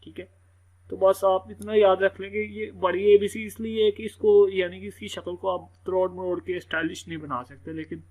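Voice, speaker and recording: A man's voice: high voice, fairly even intonation, moderate pace, a little mellow, low-quality recording. A man teaching an English reading lesson in a loose, casual way, filling his talk with "theek hai". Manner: loose, repetitive, full of "theek hai" fillers. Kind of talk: casual screen-recorded lesson.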